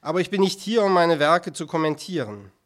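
A man reading an audiobook, voicing a calm, detached male avant-garde artist. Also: fairly high pitch, fairly quick, voice pushed up. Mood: aloof. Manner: cool, detached. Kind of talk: audiobook character voice.

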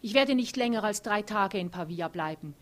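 A woman's voice: fairly high pitch, fairly even intonation, normal speed, pitched above the performer's own voice, lightly acted. A woman voicing an upset young empress. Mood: irritated. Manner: agitated, defensive, later mournful.

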